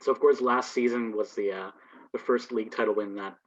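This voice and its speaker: A young man hosting an interview, asking quick friendly questions. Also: lowish voice, fairly even intonation. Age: young adult. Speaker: podcast host. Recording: distant, dull call audio.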